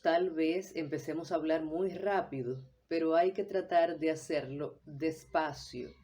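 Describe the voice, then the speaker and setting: A woman teaching a voice workshop in a measured, deliberate way, now and then acting out short examples. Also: low voice, warm tone. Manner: measured, deliberate delivery with brief acted examples. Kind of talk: scripted instructional talk.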